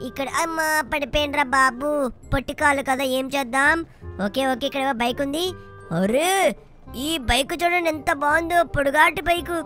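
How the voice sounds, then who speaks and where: A woman voicing a cheeky, mischievous little boy who shouts and brags while playing a video game. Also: high voice. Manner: shouty, bragging, teasing. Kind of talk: GTA game play-along voicing.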